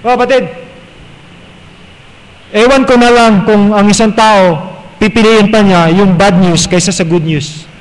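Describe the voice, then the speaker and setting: Filipino pastor guy preaching, really high voice, long church reverb, keeps checking in w the crowd. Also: steady tone, measured pace, long pauses. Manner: mixes Tagalog and English, keeps asking the congregation "right?". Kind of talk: preaching a sermon. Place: church sanctuary.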